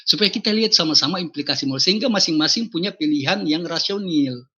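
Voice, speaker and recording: A man moderating an online debate in a sharp, husky voice with a somewhat high pitch. His audio comes through dull and lo-fi. He speaks calmly and formally and guides the speakers back on track. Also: quick pace. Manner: calm, formal, steers back to the topic. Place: online voice chat room. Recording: dull lo-fi sound.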